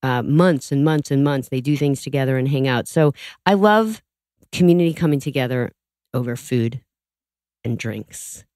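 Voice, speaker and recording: Low-voiced chatty woman host. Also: normal speed, darkish tone, no echo, studio quality. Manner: chatty and enthusiastic, with frequent fillers and laughs. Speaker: podcast host. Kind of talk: casual podcast intro monologue.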